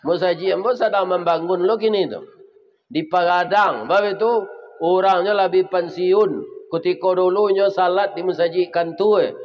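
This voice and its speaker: A man's voice: high voice, muffled recording. Minangkabau-accented male preacher. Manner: lively storytelling, addressing the congregation directly. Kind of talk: humorous sermon.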